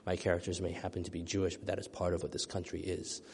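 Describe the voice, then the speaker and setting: A middle-aged American author at a reading speaks in a low, even voice with a breathy edge, talking fast. Thoughtful and soft-spoken, he reads and then answers audience questions with many ums and restarts, while a long hall reverb lingers.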